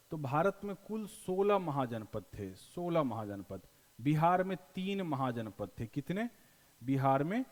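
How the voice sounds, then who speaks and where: A man's voice: on the high side, big-room sound. A male teacher with a Bihari accent, giving a classroom lecture in a folksy style, asking questions and then answering them himself. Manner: explains with repeated questions and answers; folksy, mixes in local dialect.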